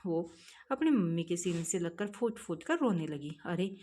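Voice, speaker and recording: A woman narrating a scripted moral story with measured, expressive delivery. Her voice sits slightly low and steady throughout. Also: breathy edge.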